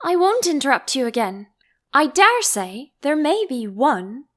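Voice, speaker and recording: A woman's voice: high voice, big pitch swings, a little slow. A woman voicing a curious, polite, easily confused young girl with a questioning manner in an audiobook. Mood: humble, cautious. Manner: cautious, questioning.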